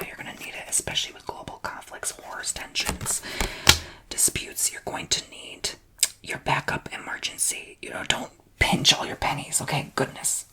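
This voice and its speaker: A woman tarot reader giving a sassy, blunt reading, almost entirely in a whisper that often rises to a whisper-shout. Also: low-quality recording.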